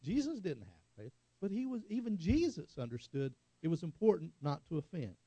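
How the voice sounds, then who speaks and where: A man's voice: a little high, very animated, a little fast, mellow, dry recording, muffled recording. A middle-aged man preaching a sermon in a conversational way, telling stories and asking the congregation for an amen. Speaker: pastor.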